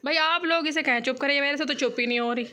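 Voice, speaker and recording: A woman's voice: sits high, fast, bright, forceful tone. A woman with a Pakistani Urdu accent chatting in a casual family vlog at home, filming on a handheld phone, soothing and teasing by turns. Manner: soothing, coaxing, then teasing and laughing. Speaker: vlogger. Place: home room. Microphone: handheld phone camera.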